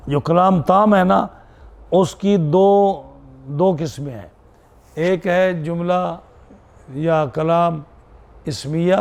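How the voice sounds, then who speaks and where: A man teaches a grammar class with a gravelly, somewhat high voice. He repeats each key term and pauses to check that his students follow. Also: darkish tone. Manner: repeats terms and checks with short asides to students. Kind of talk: classroom lesson on Arabic grammar.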